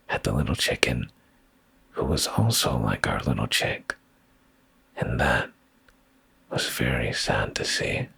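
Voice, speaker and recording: With no echo in the recording, an ASMR streamer delivers bedtime stories in a cozy boyfriend style. He speaks in a hushed, soothing, deep and gravelly voice full of breath, often whispering near the mic.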